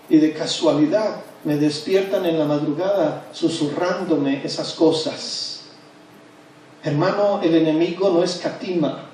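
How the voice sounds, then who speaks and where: A man's voice: high-pitched, darkish tone, far from the mic. A man preaching a sermon as pastor, emphatic and repetitive, drawing out his key words. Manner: emphatic and repetitive, with drawn-out stresses. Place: church sanctuary. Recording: echoey church hall from afar, faint noise.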